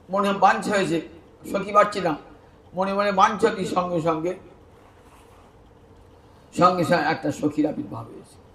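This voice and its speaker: A man gives a devotional discourse in a high voice. He explains Sanskrit words and chants scripture verses. His slow delivery rings in an echoey hall. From West Bengal. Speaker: Vaishnava preacher.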